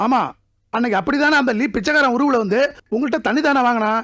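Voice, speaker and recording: A man's voice: very high-pitched, fast, sharp tone, no echo, clean studio sound, exaggerated voice. An actor playing a frustrated grown son in a TV series, complaining and arguing with his mother. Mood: exasperated. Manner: exasperated, complaining.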